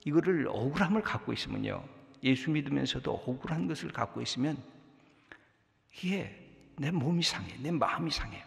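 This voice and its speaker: A male pastor preaching a sermon, reading scripture aloud and then speaking softly and earnestly to his congregation. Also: on the high side, animated, brisk, vocal fry. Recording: long hall reverb, faint music.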